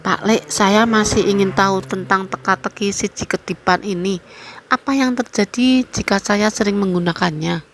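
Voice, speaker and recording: A woman's voice: mid-range voice, normal speed, slight background noise, close to an everyday voice. A woman voicing a curious, uneasy young man who politely asks his uncle questions.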